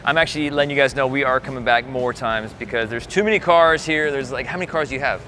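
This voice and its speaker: A young man hosting a car show, enthusiastic and quick to laugh, speaking in a large museum hall on a lapel mic. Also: mid-range voice, sharp tone, a little hiss or hum. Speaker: host.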